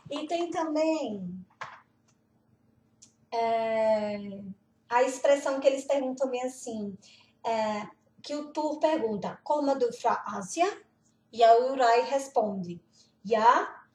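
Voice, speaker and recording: Slow, high-voiced woman teacher in echoey room. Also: darkish tone, recorded from a distance. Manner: slow, repeats words carefully, laughs often. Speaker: language teacher. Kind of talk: teaching Norwegian pronunciation. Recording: roomy echo, off-mic.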